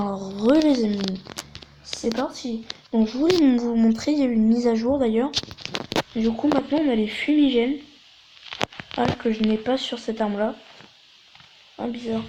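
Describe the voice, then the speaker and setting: A woman's voice: fairly high pitch, noisy background. A woman hosting a gaming video, chatting casually to viewers and explaining things as she plays. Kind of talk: casual gameplay commentary.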